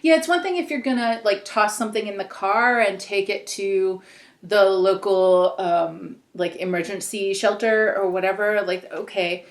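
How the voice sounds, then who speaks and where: On a podcast she co-hosts, a woman with a medium-pitched voice talks at a moderate pace, casually rambling and dropping many filler words, in a roomy-sounding recording.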